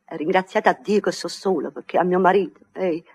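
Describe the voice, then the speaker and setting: A woman's voice: lowish voice, fairly quick, a little mellow, close to an everyday voice. An actress playing a fierce, protective Neapolitan mother and wife in a 1950s radio play, scolding and insistent with a Neapolitan accent.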